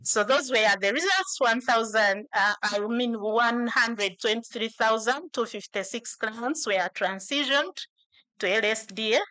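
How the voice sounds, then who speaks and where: A woman's voice: a little high, a little slow, bright, forceful tone, low-quality recording. A woman giving a conference presentation from slides at a podium, with fillers and self-corrections. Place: large conference hall.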